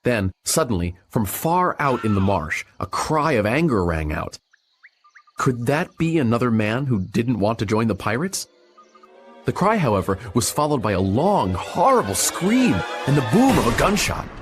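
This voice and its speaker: A man narrating an adventure storybook in an expressive reading style. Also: mid-range voice, moderate pace, faint music behind.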